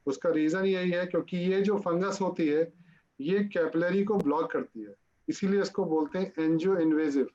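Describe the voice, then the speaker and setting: A man's voice: high-pitched, normal speed, a little mellow. A male doctor answering interview questions, patiently explaining technical medical details. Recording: dull lo-fi audio.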